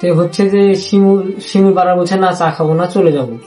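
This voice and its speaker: A young man with a Rajshahi Bengali accent tells a personal story, stopping and restarting and repeating himself often. His voice sits slightly high for a man yet sounds dark and mellow. Faint music plays underneath. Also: steady tone. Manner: halting and repetitive, with many restarts. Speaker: interviewee.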